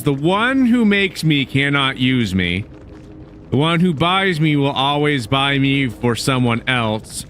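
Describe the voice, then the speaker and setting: A man's voice: fairly high pitch, a bit bright, slight background noise. A young man chatting casually with his viewers while streaming a game, laughing often as he talks. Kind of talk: casual gaming stream chat.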